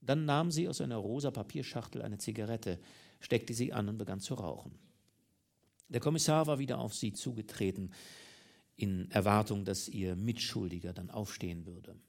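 A man reading a classic novel aloud in a measured, dramatic narration. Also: lowish voice, gravelly, a little mellow. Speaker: audiobook reader.

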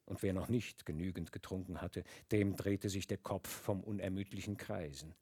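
A man reading a novel aloud in an expressive, dramatic narration. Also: low-pitched, moderate pace, slightly rough. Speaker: audiobook reader. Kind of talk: literary audiobook narration.

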